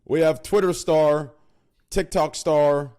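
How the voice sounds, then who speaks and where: A podcast host introduces his guests in casual chat, rambling through self-conscious jokes packed with fillers. His voice is slightly high, with a steady, darkish, clean tone and a slow pace.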